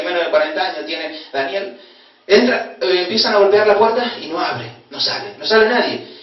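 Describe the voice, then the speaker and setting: High-voiced Argentine pastor in echoey church. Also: male voice, slight background noise. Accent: Argentine, from Corrientes. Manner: emotional preaching, swinging between loud exclamation and hushed tones. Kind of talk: sermon with storytelling. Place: church hall. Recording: very echoey hall, distant dull mic.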